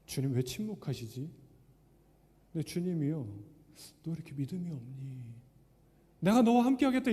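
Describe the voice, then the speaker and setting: Man, pastor, sermon, fairly high voice, lively pitch, reverberant sanctuary. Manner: animated preaching, acting out doubting believers and Jesus' words. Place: church sanctuary.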